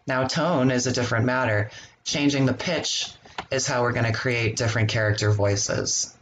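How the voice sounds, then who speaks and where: Man calmly explaining software step by step. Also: medium pitch, normal speed, a little hiss or hum. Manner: relaxed step-by-step explaining with ums. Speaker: software tutorial host. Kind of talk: screen-recorded software walkthrough.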